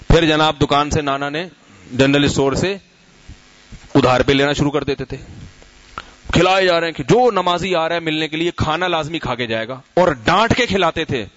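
A man's voice: a little high, fairly bright tone, no room sound. Middle-aged cleric man chatting thru a religious q&a, homely examples, dry dull lo-fi recording. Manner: anecdotal, explains with homely examples and asks the listeners. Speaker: religious scholar and teacher. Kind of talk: conversational religious talk answering questions. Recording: slightly muffled, dry lo-fi recording.

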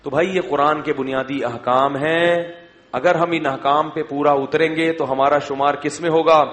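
A man's voice: on the high side, steady tone, fairly bright tone. Male preacher in a reverberant hall. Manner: storytelling, asks the audience questions. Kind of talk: Islamic sermon.

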